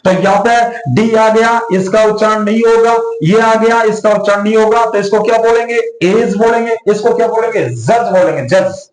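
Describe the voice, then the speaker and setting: Male Hindi-accented tutor, higher voice, repeats and quizzes students, recorded in a roomy space. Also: moderate pace, hardly any pauses. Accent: Indian, Hindi-speaking. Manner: repetitive, questioning, addresses students as beta. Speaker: English teacher. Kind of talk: classroom lesson explaining pronunciation. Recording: echoey room.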